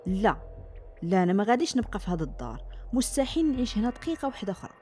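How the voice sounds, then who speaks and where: A frightened, defiant mother from a spoken storybook tale, put on by a woman narrator. She speaks with a Moroccan accent, pleading and insisting. Her delivery is quick, and the tone is mellow and dark. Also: medium pitch, sing-song, slightly rough, faint music behind. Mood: frightened, insistent. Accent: Moroccan Arabic.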